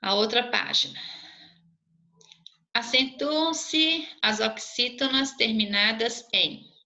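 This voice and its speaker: A woman teacher walks her pupils through their exercises in a recorded remote lesson. Her voice is bright and ringing, and she slows right down to draw out each word ending. She keeps checking that everyone is following along. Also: on the high side, lo-fi sound. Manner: slow, drawn-out syllables when spelling out endings, checking in with "tá bom?".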